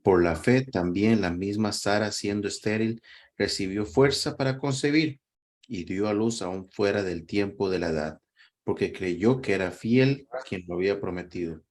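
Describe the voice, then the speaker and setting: A man reading a Bible passage aloud in a measured, solemn way. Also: fairly low pitch, darkish tone.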